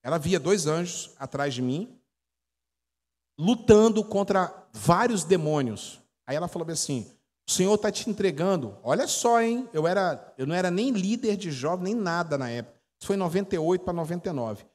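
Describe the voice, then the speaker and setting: A Brazilian pastor in his forties, speaking with a Brazilian Portuguese accent, gives a chatty teaching sermon in an echoey church hall. His slightly high, darkish voice is animated and quick as he tells stories and quizzes the congregation.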